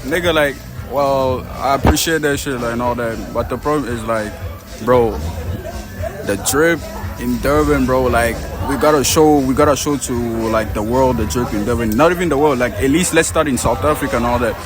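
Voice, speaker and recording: A young man from Congo talks street fashion in loose, slangy bursts. His voice sits in a middle pitch. Loud music plays behind him outdoors on a city street. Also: moderate pace. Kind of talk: casual street chat.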